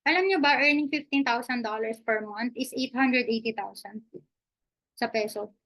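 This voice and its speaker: A woman's voice: on the high side, normal speed, a bit bright. A woman giving a live online business presentation, chatty and upbeat, switching between English and Tagalog, often asking "di ba?" and laughing as she talks. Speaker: affiliate marketing presenter.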